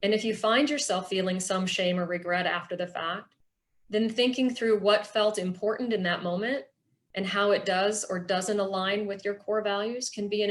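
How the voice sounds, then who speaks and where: A middle-aged woman speaks in a mid-range voice while presenting a workshop, offering personal reflections and explaining points earnestly and with measured care.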